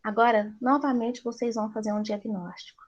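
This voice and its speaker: A woman's voice: fairly high pitch, steady tone, a little fast, highs cut off. A middle-aged woman teacher with a Brazilian Portuguese accent, explaining to parents in a live class and asking rhetorical questions.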